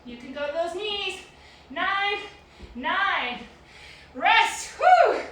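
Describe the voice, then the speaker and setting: A woman's voice: very high-pitched, lively intonation, very slow, pushed and bright, recorded from a distance. A woman coaching a workout as an aerobics instructor, encouraging, calling out short cues and counting reps in a very echoey, noisy room away from the mic.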